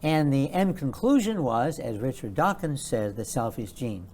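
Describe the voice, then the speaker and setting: A man as an interview guest, explaining at length in a measured, lecturing way and stressing key words. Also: medium pitch, very animated, a little mellow, a little hiss or hum. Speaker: guest author.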